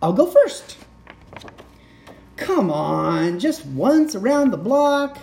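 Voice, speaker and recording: A woman's voice: a little high, big pitch swings, very slow, vocal fry, darkish tone, reverberant, pitched above the performer's own voice, exaggerated voice. A woman voicing a pushy, childish pigeon from a picture book, whiny, wheedling and exaggerated. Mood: pleading, whiny. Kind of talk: picture-book character read aloud.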